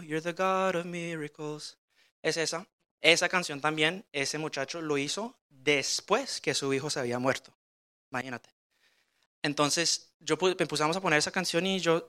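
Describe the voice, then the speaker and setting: A man giving a personal testimony as a guest church speaker, talking in a halting way with many restarts and repeated words. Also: fairly high pitch, bright, forceful tone, clear, resonant tone.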